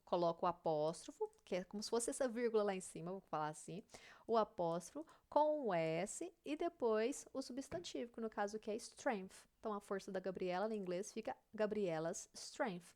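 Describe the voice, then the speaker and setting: A woman's voice: medium pitch, animated, moderate pace, a little mellow. Woman, Brazilian accent, English teacher, explaining a lesson, patient, frequent check-ins. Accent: Brazilian Portuguese.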